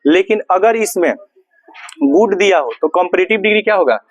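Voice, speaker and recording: A man's voice: high-pitched, animated, normal speed, no room sound, muffled recording. A man teaching an English grammar lesson in Hindi with a Bihari accent, firing questions and answering them himself in a repetitive drill. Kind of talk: classroom lesson.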